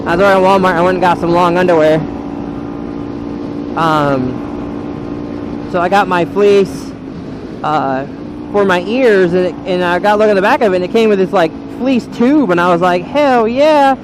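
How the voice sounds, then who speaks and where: A man's voice: high voice, normal speed, pauses often. An American man rambling casually to viewers from inside a motorcycle helmet as he rides and vlogs. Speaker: motovlogger. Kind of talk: casual rambling vlog while riding a motorcycle. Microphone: helmet microphone. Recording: loud engine and wind noise, helmet mic.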